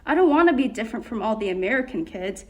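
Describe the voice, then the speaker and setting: A woman voicing a shy, nervous new schoolgirl in a children's picture book, with soft, hesitant replies. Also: a little high, expressive, quick pace, natural voice. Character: shy new girl, nervous but polite.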